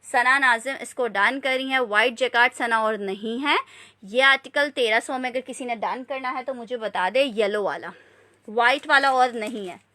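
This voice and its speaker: A woman's voice: fairly high pitch, normal speed, pushed and bright. A woman presenting a live online sale and chatting casually with viewers in repetitive selling patter. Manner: repetitive selling patter, repeating prices and sizes. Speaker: live online clothing seller.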